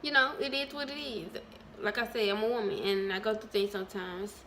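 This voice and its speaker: A woman speaks straight to her viewers in a relaxed, candid vlog, chatty and open. Her pitch sits in an ordinary middle range, and she calls her audience y'all. She fills the gaps with ums and lets her sentences trail off. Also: a little hiss or hum. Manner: many ums and trailing pauses. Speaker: vlogger. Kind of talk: casual vlog.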